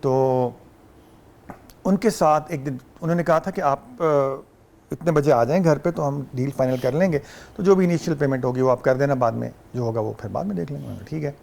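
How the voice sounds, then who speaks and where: A man's voice: mid-range voice, gravelly, darkish tone. A man with a Pakistani Urdu accent, a guest on a talk show, telling chatty anecdotes and mixing in English and Arabic phrases. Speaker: guest actor. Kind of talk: relaxed talk show storytelling.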